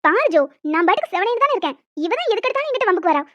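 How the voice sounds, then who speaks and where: A woman's voice: very high voice, sing-song, racing, a bit bright, dry recording, exaggerated voice. A woman voicing quarrelsome young female college students in a cartoon, bickering and teasing. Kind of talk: cartoon voice acting. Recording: dull lo-fi dry sound.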